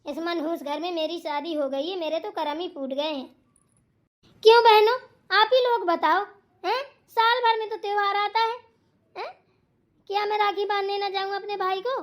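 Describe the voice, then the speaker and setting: Woman doing a bratty young bahu, sharp tongue, bundelkhandi accent, super high voice, cartoon. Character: young daughter-in-law, sulky and sharp-tongued. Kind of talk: cartoon voice acting.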